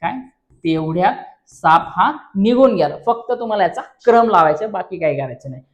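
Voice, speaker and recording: A man's voice: high-pitched, animated, moderate pace, dull audio. A male teacher walking students through an exam paper, constantly asking rhetorical questions and calling viewers his friends. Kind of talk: exam paper walkthrough lesson.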